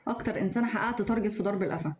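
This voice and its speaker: A woman in her twenties with an Egyptian accent, live streaming and reading out viewer comments with quick, sharp-tongued retorts, talking into her phone at home. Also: mid-range voice. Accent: Egyptian Arabic. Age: 20s. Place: indoors at home.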